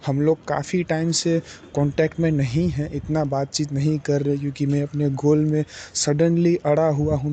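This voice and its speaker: A young man talking slowly and deliberately in a personal diary vlog, pausing often with fillers. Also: fairly high pitch, dark tone, a little hiss or hum. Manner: slow, deliberate, hesitant with many fillers. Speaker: vlogger.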